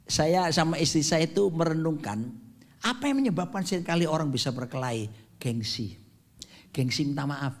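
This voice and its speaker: A pastor in his fifties preaching a sermon in a dramatic, animated way, mixing jokes and English phrases. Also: mid-range voice. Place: church sanctuary.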